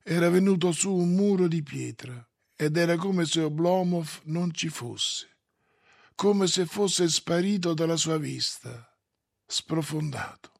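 Slow, gravelly male audiobook narrator. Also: a little high, no room sound, clean studio sound. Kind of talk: audiobook reading of a classic novel.

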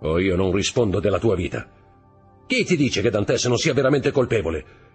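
A man's voice: lowish voice, lively intonation, normal speed, a little mellow, husky, faint music behind, pitched above the performer's own voice, exaggerated voice. A man doing a curt scheming villain. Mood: menacing. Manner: curt, dismissive.

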